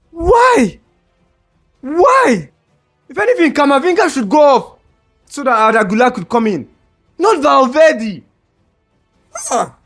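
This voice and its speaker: In this ranting reaction video, a young male football fan vlogger with a high, slightly bright voice gets heated and exasperated over a match, tripping over restarts and straining his voice.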